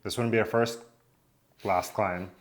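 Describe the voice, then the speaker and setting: A man co-hosting a hiking vlog, narrating casually in a relaxed, loose way with plenty of filler words. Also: lowish voice, a little slow. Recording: voice-over with clear music bed. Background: music under the voice.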